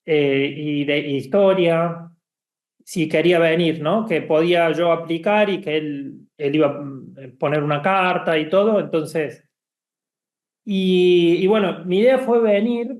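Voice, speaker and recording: A man's voice: a little high, a little mellow. A man from Argentina, talking casually as an interview guest, hesitant with many fillers and restarts. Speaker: guest, bookshop founder.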